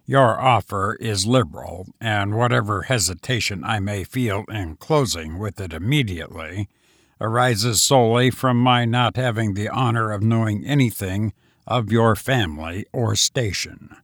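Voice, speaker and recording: A man's voice: fairly low pitch, measured pace, a bit bright, no room sound. A man voicing a polite, cautious older male painter who speaks formally and carefully, recorded close and dry.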